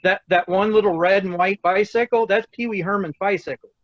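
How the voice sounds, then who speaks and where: A man's voice: high-pitched, steady tone, fairly quick, fairly bright tone, highs cut off. A man in casual video call chat, chatty and full of restarts as he shares movie trivia. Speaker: cosplay group member.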